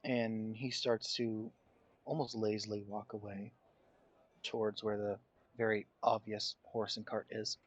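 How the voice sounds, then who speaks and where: A man's voice: lowish voice, level tone, measured pace. A man narrating a tabletop role-playing game as game master, describing scenes and asking players what they do.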